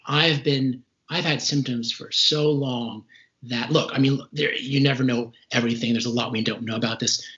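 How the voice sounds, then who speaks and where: A man in his forties, a little short of breath, giving a halting, measured account of his experience as an interview guest. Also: mid-range voice, fairly even intonation, sharp tone. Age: 40s. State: short of breath, recovering from serious respiratory illness. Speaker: interview guest, recovering patient. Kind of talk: recounting personal experience in an interview. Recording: dull lo-fi call audio.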